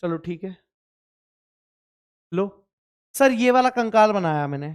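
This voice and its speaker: A chemistry teacher lecturing to students. He repeats every point, asks the class questions and answers them himself, and reads formulas out slowly. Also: high-pitched, lively intonation, clean tone. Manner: speaks for the student too, addressing himself as sir; slow, deliberate reading of formulas.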